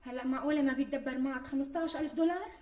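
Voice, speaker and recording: An actress playing a pampered, demanding young pregnant wife with a Syrian Damascene accent, wheedling and quick to take offence. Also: female voice, high voice, background noise, lightly acted. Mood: insistent. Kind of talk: TV sketch acting. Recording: distant mic with faint music.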